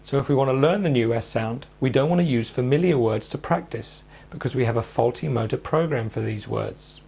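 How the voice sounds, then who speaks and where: Calm male speech therapist narrating. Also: mid-range voice, gravelly, breathy edge. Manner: calm, measured, step-by-step coaching. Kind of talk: instructional narration.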